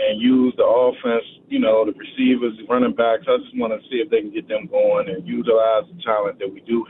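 A man calling in to a sports radio show over the phone, talking casually with many halting fillers. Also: medium pitch. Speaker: caller. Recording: tinny phone line with faint noise.

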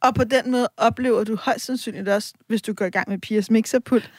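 A woman's voice: a little high, fairly even intonation, no room sound, clean studio sound. A woman guest on a radio talk show, explaining reflectively and giving examples. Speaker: sexologist guest.

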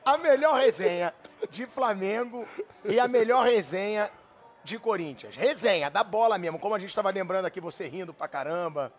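A man's voice: high-pitched, expressive, moderate pace. A man hosting a football podcast, prodding his guest for stories in a casual, teasing chat and laughing along. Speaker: podcast host.

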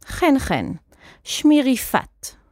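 A raspy, gruff old grandmother from a children's storybook , as a woman reading aloud plays her, barks out curt commands. Her voice is scratchy and clipped, recorded dry and close. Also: high-pitched, huge pitch swings, darkish tone, no echo, voice pushed up. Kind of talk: children's audiobook acting.

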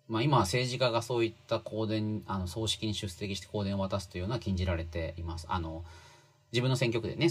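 Husky low-ish guy talking thru a book, lots of fillers, voice jumps around a lot. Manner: chatty, many fillers, stressed phrases. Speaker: commentator explaining a book. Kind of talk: casual spoken explainer.

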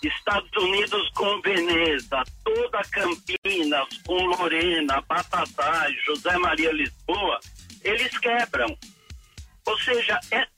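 A man's voice: high voice, bright, forceful tone, poor audio. A man calling in by phone to a radio show, complaining in an indignant, insistent way. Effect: heard over the phone. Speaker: radio call-in listener.

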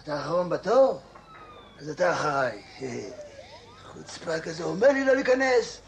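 A man's voice: a little high, expressive, gravelly, a little hiss or hum. A man playing a chatty old man in a comedy sketch, grumbling and drifting off into nostalgic tangents. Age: older.

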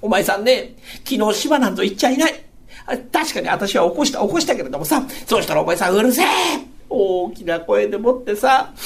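A male rakugo storyteller voicing a patient, scolding Edo working-class wife, in soft, chiding old speech. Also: sits high, creaky.

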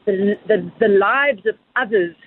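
A woman's voice: medium pitch, measured pace, slightly rough, no room sound. Woman on a phone line. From South Africa. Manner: earnest, expansive, repeats words as she thinks. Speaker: filmmaker. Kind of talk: interview answer. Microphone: phone call. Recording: tinny phone line, dry.

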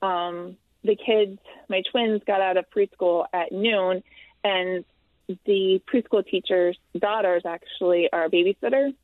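A woman telling her story as a guest, halting and repeating herself, with nervous little laughs between the hard parts. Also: mid-range voice, fairly even intonation, dry recording. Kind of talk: emotional personal account. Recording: tinny, dry phone-like sound.

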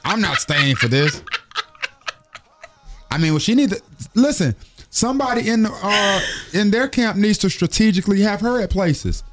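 A man hosting a morning radio show, joking in slangy, animated banter. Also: high-pitched, brisk, slight background noise.

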